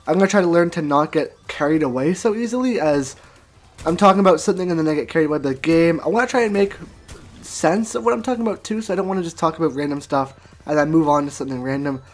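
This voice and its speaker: A young man giving live commentary over his gameplay, excitable and quick to yelp when the action gets intense. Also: fairly high pitch. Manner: excitable, yelps when things get intense. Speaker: gaming commentator. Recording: faint music behind the voice.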